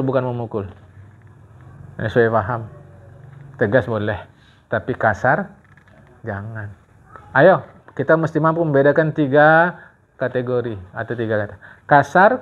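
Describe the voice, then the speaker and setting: A male religious teacher, giving a study-circle sermon and quizzing listeners with rhetorical questions. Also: medium pitch. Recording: dull lo-fi recording.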